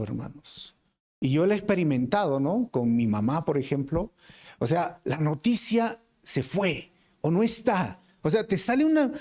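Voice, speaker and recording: A high-pitched Peruvian man preaches a sermon in an earnest tone, his Peruvian Spanish accent clear. He alternates between emphatic lines and hushed ones, addressing his listeners as brothers.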